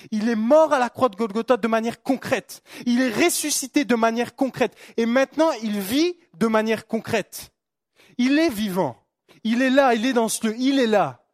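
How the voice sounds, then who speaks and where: A man's voice: very high-pitched, dry recording, clean studio sound. A young man preaching a sermon, fervent, repeating phrases for emphasis and stumbling on words. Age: young adult.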